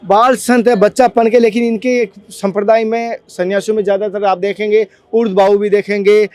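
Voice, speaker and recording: A man with a high, light voice hosts a devotional vlog. He speaks earnestly and fervently and keeps circling back to the same points. The sound is close and dry, with no room echo. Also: level tone, brisk, a little mellow. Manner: fervent, repetitive, addresses viewers as friends. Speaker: devotional vlogger and interviewer.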